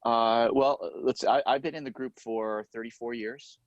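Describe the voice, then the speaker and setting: A man's voice: medium pitch, steady tone, normal speed, lo-fi sound. A middle-aged man, a longtime member of a brass quintet, answering questions at a masterclass in a rambling way with dry humor.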